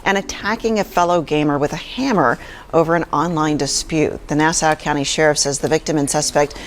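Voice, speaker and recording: A woman's voice: deep voice, steady tone, brisk. A woman with an American accent reading scripted news narration as a reporter. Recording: news clip with faint noise.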